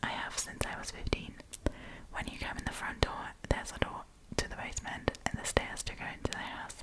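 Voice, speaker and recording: The audio is poor as a woman whispers fairly quickly through online stories, ASMR style. Close to a propped-up microphone, her breathy, unvoiced whisper carries loose, chatty remarks between readings.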